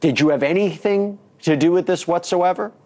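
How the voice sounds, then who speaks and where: A man's voice: high-pitched, normal speed, a little mellow. A man hosting an entertainment news show, reporting a court story and then interviewing a guest. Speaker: news host.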